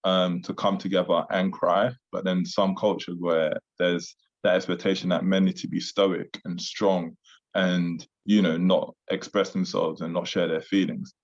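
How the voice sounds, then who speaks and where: A man mentoring young men in a relaxed chat, reflective and conversational, with lots of "you know" asides. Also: low voice, a little slow. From United Kingdom. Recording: dull lo-fi sound.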